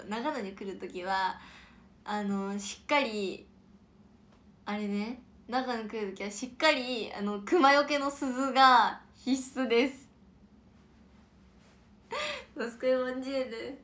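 A young woman hosting a casual livestream and reading out viewer comments, with a chatty, playful manner and soft whispered asides. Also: on the high side. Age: young adult.

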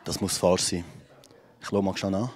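A man's voice: sits low, level tone, moderate pace, darkish tone. A young man with a Swiss German accent, playfully presenting as a roving reporter with a handheld microphone in an office. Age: young adult. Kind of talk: playful vox pop presenting. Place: open-plan office.

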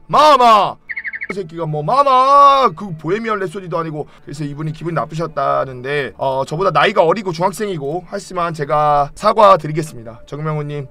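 A young man streaming a game from home, chatting casually and yelling and swearing at the game. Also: fairly high pitch. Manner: hot-tempered, yells and swears at the game.

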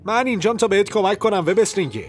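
A man voicing an eager, cheeky young male spider hero in a told story, speaking high and pushily. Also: lively intonation, soft background music. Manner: eager, high-pitched and pushy.

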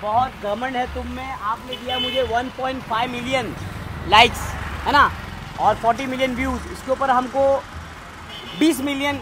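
A man's voice: very high voice, steady tone, normal speed. A man talking in a jokey, teasing way at a street prank. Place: street outdoors. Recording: noisy street with traffic.

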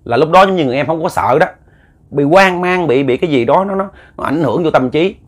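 A man's voice: on the high side, expressive, quick pace. A man with a Southern Vietnamese accent narrating a ghost story in a folksy, rambling way, often repeating words as he goes.

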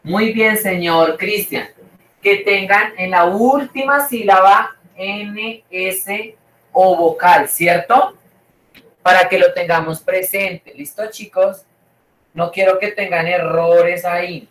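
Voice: medium pitch, takes it slowly, fairly bright tone, echoey room, distant mic, low-quality recording. A teacher giving an online class, repeating each point and checking in with the students again and again. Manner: repeats and checks with "¿cierto?" and "¿listo?".

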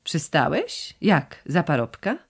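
A woman voicing a calm, cold and stern giant of a man who speaks in short, blunt questions, in an audiobook. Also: low voice, takes it slowly, slightly rough, heavily acted. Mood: curt.

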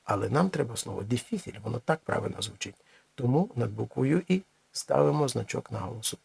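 A man teaching a language lesson, explaining slowly with many pauses and restarts. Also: medium pitch, expressive, vocal fry, darkish tone, husky, no room sound.

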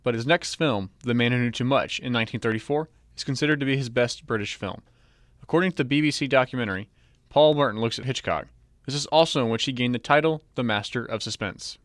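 Young male student reading project narration, mid pitch, plain and dry. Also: fast talker, fairly bright tone, dry recording. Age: young adult. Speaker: student presenter. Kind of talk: read narration for a class project.

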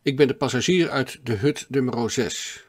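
A man's voice: medium pitch, normal speed, lightly acted. A man playing a talkative, absent-minded French professor in a read-aloud storybook, hopping from topic to topic. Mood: eager chatter. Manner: chatty, jumps from topic to topic, excited questions.

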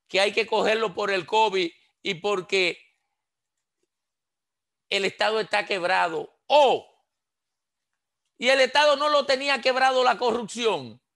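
An impassioned Dominican man in his sixties, accented in Dominican Spanish, comments on politics for a radio panel through a headset on a video call. His very high-pitched voice sounds sharp as he speaks emphatically from a small indoor room, gesturing and asking rhetorical questions.

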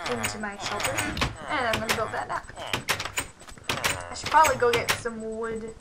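Speaking into a headset at her computer, a young woman who runs a gaming channel rambles through a casual let's-play, dropping "like" constantly. Her slightly high voice sounds worn out from losing it, and there's heavy noise throughout.

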